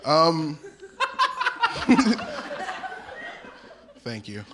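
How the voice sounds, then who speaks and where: A man's voice: on the high side, big pitch swings, very slow, a crowd in the background. A man doing an open-mic stand-up set, awkward and laughing at his own jokes. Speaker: stand-up comedian. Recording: noisy live recording.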